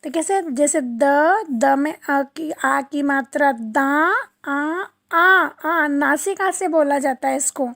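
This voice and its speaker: A woman's voice: high voice, vocal fry, no echo, clean studio sound. A woman teaching young children a lesson, drawing out each syllable and asking questions she then answers herself. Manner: slow, drawn-out syllable-by-syllable pronunciation; asks the class questions and answers them herself. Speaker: primary school teacher. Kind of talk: online class lesson.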